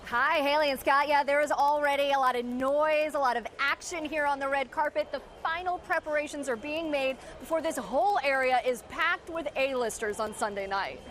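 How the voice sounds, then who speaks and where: Woman, American accent, high voice, live TV reporter, entertainment news, chatty explaining. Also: normal speed, few pauses, fairly bright tone, slight background noise. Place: outdoors on a covered red carpet.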